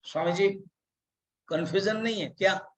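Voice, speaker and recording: A man's voice: high voice, normal speed, close to an everyday voice, low-quality recording. A man acting out a confused devotee who complains to God with questions. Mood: puzzled.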